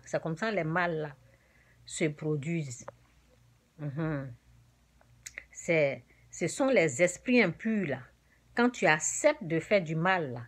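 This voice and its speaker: A woman's voice: fairly low pitch, slightly rough. A woman preaching a sermon, speaking directly to her listeners and repeating her key phrases for emphasis. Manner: repetitive, emphatic exhortation addressed to listeners.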